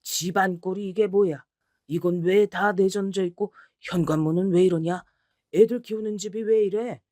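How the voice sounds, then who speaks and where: A woman's voice: mid-range voice, fairly even intonation, normal speed, dark tone, no echo, clean studio sound, lightly acted. A woman voicing an elderly father who scolds and then soothes his daughter in a story reading. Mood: stern. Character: elderly father, gruff but caring.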